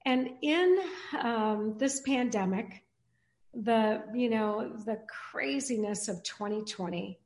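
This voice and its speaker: A woman pastor hosting a podcast interview, speaking in a halting way with many fillers and restarts. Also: a little high, a little mellow. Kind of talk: casual interview chat.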